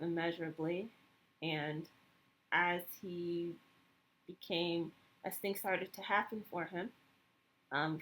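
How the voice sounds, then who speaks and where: A woman in her thirties from the United States speaks to the camera in a somewhat low voice. She talks in a reflective, hesitant way, pausing on fillers and restarting her sentences. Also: fairly bright tone, a little hiss or hum. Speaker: vlogger. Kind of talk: personal reflective monologue.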